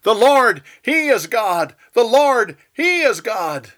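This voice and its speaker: A man voicing an excited crowd shouting together, in a Bible storytelling reading. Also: extremely high pitch, takes it slowly, voice pushed up, heavily acted. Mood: exultant. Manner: shouting in unison.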